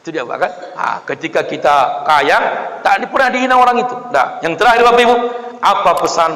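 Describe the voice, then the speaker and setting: A man's voice: sits high, fairly quick. A man preaching a humorous sermon, acting out villagers' voices and joking with the congregation. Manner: lively, acts out voices of villagers, jokes with the audience. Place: mosque hall. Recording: echoey hall with long reverb.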